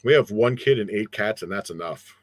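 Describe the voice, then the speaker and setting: Here a middle-aged New Jersey man, appearing as a guest, talks in a loose, rambling way full of fillers and false starts. His voice is on the low side and brisk, and the recording is dry.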